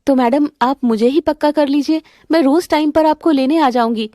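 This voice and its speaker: A woman's voice: high voice, moderate pace, warm tone, no echo, clean studio sound, lightly acted. A woman voicing a hardworking, proud young daughter-in-law who drives a rickshaw in a cartoon story, earnest and cheerful. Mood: polite.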